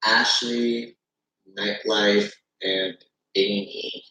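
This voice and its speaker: Slow, low-voiced man in an echoey room. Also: flat delivery, bright, forceful tone, a little hiss or hum. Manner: hesitant listing with many fillers. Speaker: vlogger in an old video. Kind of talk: casual music review.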